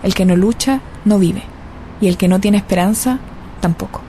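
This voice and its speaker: A woman's voice: mid-range voice, normal speed, dark tone, a little hiss or hum. A Chilean woman giving scripted documentary narration in an earnest, rallying way.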